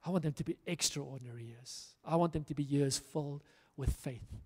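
The voice is fairly high, fairly quick and slightly rough: a middle-aged South African pastor preaching a sermon on the stage of a large church hall. Through a handheld microphone he sounds earnest and rousing, repeating himself emphatically, with long hall reverb.

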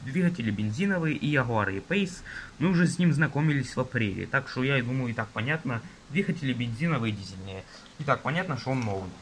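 A young man casually reviewing a car magazine page by page, listing items in a halting way with fillers, filmed on a phone at a table indoors while rain falls outside. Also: medium pitch, lively intonation, slight background noise, rough recording. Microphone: phone camera filming from above.

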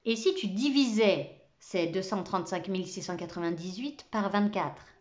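A woman voicing a big, kindly male math teacher with a grave, deep voice and a slow, drawn-out way of speaking. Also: roomy sound, lo-fi sound, lightly acted. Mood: playful, slow. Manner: drawn-out, mock-pondering delivery.

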